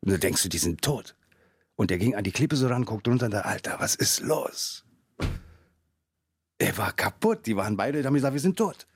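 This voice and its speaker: A man's voice: quick pace, slight background noise. A man in casual conversation, telling an adventure story with lots of energy, acting out voices and dropping in Spanish words. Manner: animated storyteller, jumps pitch and acts out voices. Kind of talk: casual chat.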